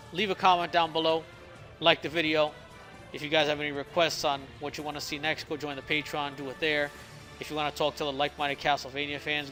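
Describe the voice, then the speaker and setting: A man's voice: fairly high pitch, sharp tone, poor audio. A man talking casually through a game devlog, his speech a little slurred by a swollen lip, with occasional stumbles. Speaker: indie game developer narrating a devlog. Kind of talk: casual explanatory devlog talk.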